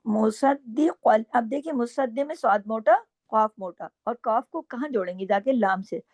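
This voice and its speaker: A woman teaching Quran recitation rules, alternating slow drawn-out recited examples with brisk explanations and frequent "okay?" checks. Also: on the high side, no room sound. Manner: repeats checks like "okay?" and scolds gently. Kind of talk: tajweed lesson with recited examples.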